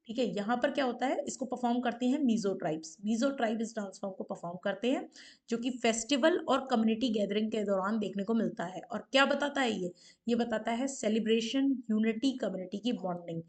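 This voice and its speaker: A woman's voice: a little high, fairly quick. A woman teacher giving an exam-prep lecture on folk dances. She keeps asking questions and confirming with "ठीक है". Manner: explanatory, repeats questions and "ठीक है" often.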